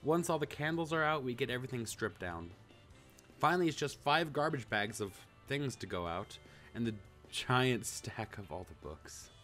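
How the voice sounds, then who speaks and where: A man gives casual, rambling let's play commentary while reading a visual novel aloud, easily amused along the way. His voice is medium-pitched, a bit bright, and lively at a moderate pace, with soft music in the background. He's using a corded handheld microphone.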